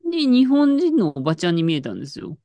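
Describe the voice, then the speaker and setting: A woman's voice: mid-range voice, huge pitch swings, fast, mellow, no echo. A woman in casual chat, telling an anecdote with lots of fillers and restarts. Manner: storytelling with frequent fillers and laughs.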